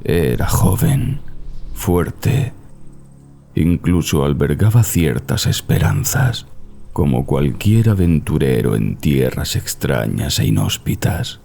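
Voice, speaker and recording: A man reading a classic horror story as narrator, in a measured, solemn literary manner. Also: a bass voice, big pitch swings, vocal fry, mellow. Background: background music.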